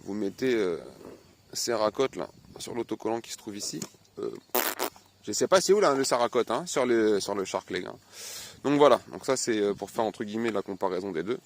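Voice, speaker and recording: A man's voice: fairly low pitch, fairly quick. Chatty man unboxing gear, faint background noise. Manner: chatty, animated, reads specs aloud with fillers. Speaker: airsoft unboxing vlogger. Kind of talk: casual unboxing talk.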